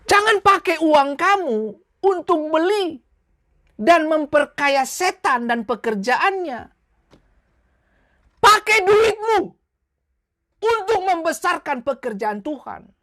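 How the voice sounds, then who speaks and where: Woman preacher, high and emphatic, dry close sound, scolds with rhetorical questions. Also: expressive, slow pace, fairly bright tone, dry recording. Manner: acts out quoted voices in short skits. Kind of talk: sermon.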